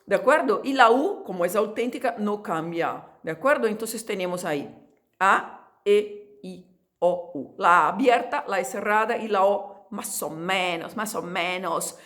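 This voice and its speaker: A woman, teaching Spanish in a lively, chatty video lesson, drawing out sounds to demonstrate them. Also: medium pitch, a little slow.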